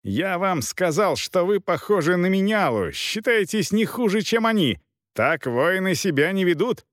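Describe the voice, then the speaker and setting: Male reader doing a stubborn, cutting knight, lively pitch, dry close sound. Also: measured pace, no echo. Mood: angry. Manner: cutting, accusing. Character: proud male knight, cold, haggling, quick to anger.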